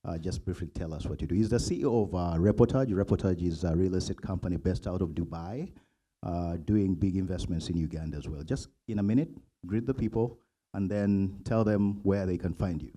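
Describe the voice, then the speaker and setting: A man's voice: low-pitched, fairly quick, dark tone. A man emceeing a convention, thanking speakers and inviting guests up. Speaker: event emcee. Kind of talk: emcee introductions.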